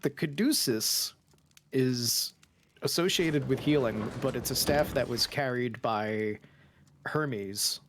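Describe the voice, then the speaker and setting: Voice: medium pitch, takes it slowly, background noise. A streamer playing a detective game who gets sidetracked and explains things at length in casual chat.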